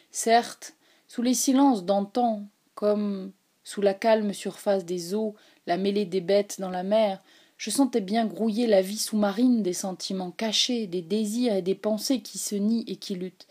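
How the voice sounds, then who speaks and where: A woman reading a literary novel aloud in a grave, measured way. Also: medium pitch, mellow. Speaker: audiobook narrator.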